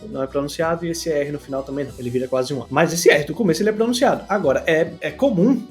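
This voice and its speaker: A young Brazilian man with a Brazilian Portuguese accent, a pronunciation teacher giving a lively, casual video lesson and demonstrating words as he goes. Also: a little high, rapid-fire. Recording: faint guitar music behind.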